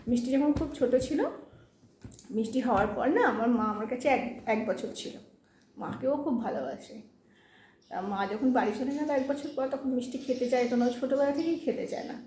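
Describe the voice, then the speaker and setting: A woman's voice: a little high, normal speed, dark tone, echoey room. A woman chatting casually in a home vlog, urging a child to hurry while talking to her viewers. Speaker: vlogger and mother.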